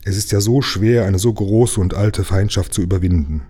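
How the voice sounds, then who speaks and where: A man voicing a sad, gentle young mermaid princess in a storybook read aloud, with a soft, tearful voice. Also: lowish voice, steady tone, normal speed, husky. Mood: sad, earnest.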